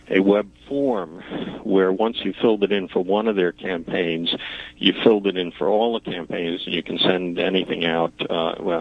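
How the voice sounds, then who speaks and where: A deep-voiced man calls in over a thin, narrow telephone line. He speaks haltingly, filling the gaps with "uh" and "um" as he explains at length. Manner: halting, many fillers, long explanations. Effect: heard over a telephone line. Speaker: caller. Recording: tinny phone line.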